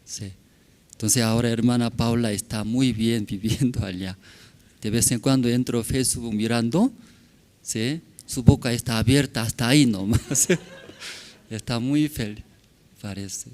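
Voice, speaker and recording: Pastor speaking broken Spanish. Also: male voice, medium pitch, unhurried, a little mellow. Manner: broken non-native Spanish, tag questions, chuckles. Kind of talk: informal sermon with storytelling. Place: church.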